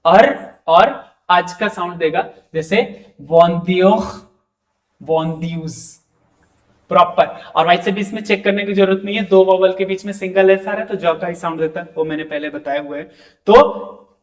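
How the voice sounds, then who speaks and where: A man teaching French pronunciation in a classroom, explaining slowly and asking his students questions. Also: high-pitched, far from the mic. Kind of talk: classroom lesson.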